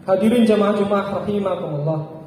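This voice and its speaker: Male preacher giving a Friday sermon, high voice, measured short phrases, deep hall reverb. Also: warm tone, a little hiss or hum. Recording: echoey hall with long reverb.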